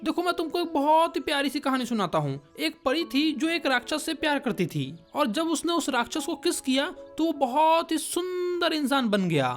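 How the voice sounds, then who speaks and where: A woman voicing a kindly old man gardener with a tin leg, who talks gently and patiently like a father. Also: high voice, big pitch swings, normal speed, hardly any pauses, soft background music. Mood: fatherly.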